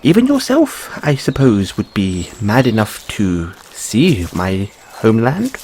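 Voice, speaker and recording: A man's voice: fairly low pitch, wildly swooping pitch, unhurried, darkish tone, slight background noise, heavily acted. A man playing an anxious, polite, whimsical rabbit boy in a fantasy audio roleplay, with stammered, courteous, old-fashioned phrasing. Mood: whimsical, musing. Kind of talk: theatrical fantasy audio roleplay addressed to listener.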